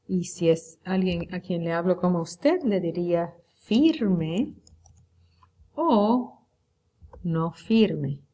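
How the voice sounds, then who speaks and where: A woman teaching Spanish at an unhurried, careful pace, with a somewhat low voice. She stretches out her example words so her students can follow each one. It sounds like a recorded review lecture. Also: mellow. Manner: slow and deliberate, drawing out example words.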